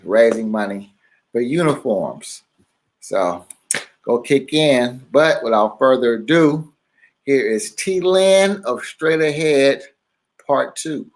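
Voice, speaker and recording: A male host opens the show in an unhurried, drawn-out way. He chats casually through announcements before bringing on his guest, his delivery easy and relaxed. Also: medium pitch, slight background noise. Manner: laid-back, chatty announcements.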